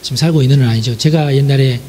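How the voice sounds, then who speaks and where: Speaking very fast in a dark, mid-range voice, the preacher from Jeolla, South Korea, addresses his listeners directly in a chatty sermon full of affirming asides. A little hiss or hum is audible.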